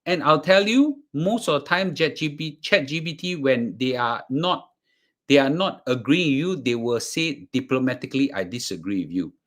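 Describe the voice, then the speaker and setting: Casually talking to a live class, a course presenter with a Singaporean accent speaks with a medium-pitched, expressive, fairly bright voice. His delivery halts, with restarts, repeated words and fillers.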